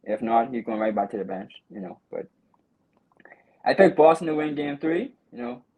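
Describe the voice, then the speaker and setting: A man's voice: mid-range voice, normal speed, husky, rough recording. Man breaking down a basketball game. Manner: animated game breakdown, repeats "you know" and "bro". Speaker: podcast host. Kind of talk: casual sports chat.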